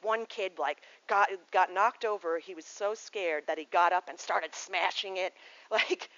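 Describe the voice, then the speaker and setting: Yoga lady talking loosely through a class, kinda digressive, muffled low-fi recording. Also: a little slow, a bit bright, dry recording. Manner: rambling and digressive, with many restarts. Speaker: yoga teacher. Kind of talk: casual spoken lesson.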